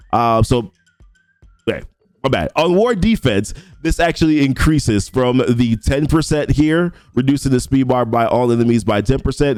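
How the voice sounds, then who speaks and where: In a dry recording with no echo, a young man's mid-range, somewhat dark voice reads through patch notes for a mobile game. He's a content creator offering casual commentary, reading ability descriptions out loud and wandering off with frequent restarts.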